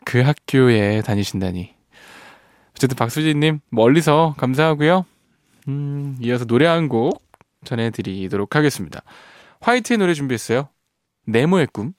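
Lively, playful male radio DJ. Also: medium pitch, moderate pace, no echo, clean studio sound. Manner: playful, laughs often, strains voice singing a line. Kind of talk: radio show chat with listener texts. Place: radio studio.

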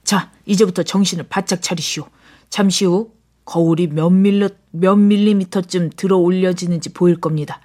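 A woman voicing a mysterious, calm older foreign man in an audiobook drama, speaking low, hushed and measured. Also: lightly acted. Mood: explaining.

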